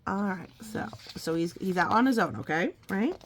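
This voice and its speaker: A mother reads a picture book to her small child and chats about it, posing questions and repeating the child's questions back. Her mid-range voice is animated at a moderate pace, recorded on a phone with slight background noise.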